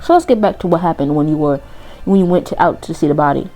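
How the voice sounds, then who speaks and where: A woman's voice: low-pitched, fast, faint music behind. A young woman playing a detective game, reading questions aloud and making wry, chatty comments. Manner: chatty, wry, reacts out loud. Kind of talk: casual gameplay commentary and read-aloud questions.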